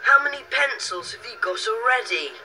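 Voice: mid-range voice, animated, normal speed, pushed and bright, a little hiss or hum, low-quality recording. An actor voicing a friendly boy in a scripted children's language-course cartoon. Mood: teasing.

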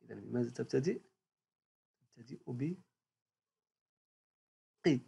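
Husky primary teacher with a gravelly edge, drawn-out pace, encouraging drill style for a reading lesson. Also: medium pitch, lively intonation, warm tone. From Morocco. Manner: slow, repeats words, praises each answer. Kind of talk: recorded reading lesson for young pupils.

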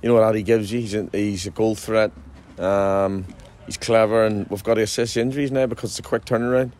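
A man's voice: on the low side, steady tone, a little fast, darkish tone. A man in his forties, a football manager, giving a chatty post-match interview outdoors at a ground at night, restarting sentences often. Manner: chatty, frequent restarts and fillers.

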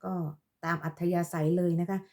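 A woman's voice: on the low side, little pitch movement, normal speed, a little mellow. A woman from Lopburi, talking casually on her vlog and scolding her critic in a sarcastic, mock-motherly way, with polite particles at the end of every phrase. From Thailand, Lopburi. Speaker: vlogger addressing her viewers. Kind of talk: casual live-stream monologue.

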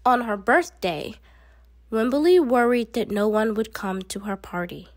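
A woman reading a children's picture book aloud in an expressive, deliberate storytelling manner. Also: on the high side, no echo, studio quality. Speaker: storybook reader.

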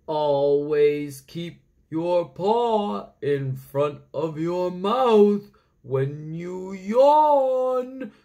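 A woman voicing a big round owl in a children's storybook reading, hooting and scolding in drawn-out words. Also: lowish voice, animated, mellow, heavily acted.

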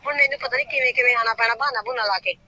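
A woman's voice: a little high, very fast, sharp tone, dry recording. A woman, playing a reluctant friend who grumbles before agreeing to help. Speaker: friend on the phone. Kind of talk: village family drama acting.

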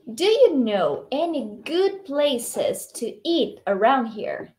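A woman reads a polite female tourist's lines in a practice dialogue, slowly and clearly, with no change of voice. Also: high voice, big pitch swings, a little mellow, exaggerated voice. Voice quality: teacher's own voice, changes intonation only. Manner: slow, carefully articulated model reading.

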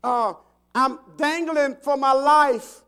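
A pastor acting out a desperate man hanging from a cliff, loudly pleading for help during a sermon illustration. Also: extremely high pitch, expressive, extremely slow, voice pushed up, full character voice.

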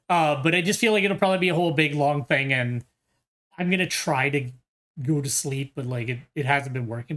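A man's voice: on the high side, fairly bright tone. A tired man in his thirties chatting casually on a video game livestream. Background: game music.

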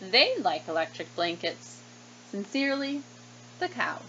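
A storybook cow with firm, polite demands, read out by a woman. The delivery is measured and slow, with a bright tone. The sound is a little dull. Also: mid-range voice, big pitch swings, a little hiss or hum, heavily acted. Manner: measured, deliberate letter-reading. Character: polite but firm cows writing notes to farmer.

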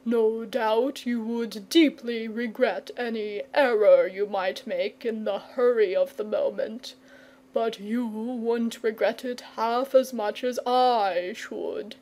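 A languid storybook dragon, performed by a woman, fussy and coy, with airs of refinement. He draws his words out very slowly, in no hurry to be persuaded. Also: on the high side, steady tone, darkish tone, poor audio. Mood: anxious, testy. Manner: drawling, leisurely, testy when pressed. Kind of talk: storybook character reading.

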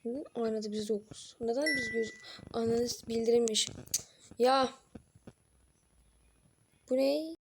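A young woman doing horror game let's-play commentary, jumpy and excitable, swearing and dropping to low mutters between outbursts. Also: takes it slowly, pauses often, noisy background. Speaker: gaming channel host.

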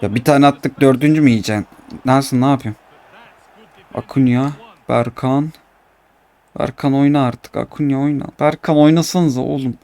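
A man commentating his own football video game match, swinging between calm narration and excited, complaining outbursts. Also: medium pitch, moderate pace, pauses often. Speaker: gaming YouTuber.

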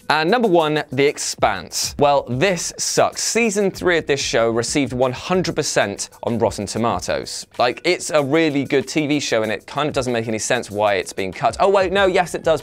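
A man in his thirties hosting a chatty, jokey scripted countdown in a wry manner, his diction slightly mush-mouthed from a mouth ulcer. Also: medium pitch. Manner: animated, wry, punning. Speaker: host of an online list show. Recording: music behind the voice. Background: background music.

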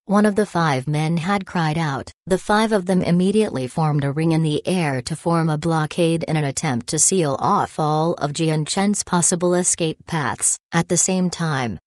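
A woman narrating a fantasy audiobook in a steady, even reading voice. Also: low-pitched, normal speed, few pauses, no echo, studio quality. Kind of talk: scripted narration.

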